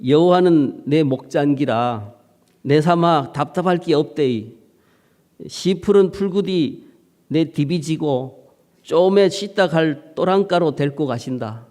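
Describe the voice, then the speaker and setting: A pastor putting on a blunt Gyeongsang dialect. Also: male voice, a little high, slow, a little mellow. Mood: folksy. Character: man reciting a psalm in Gyeongsang dialect. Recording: reverberant church hall.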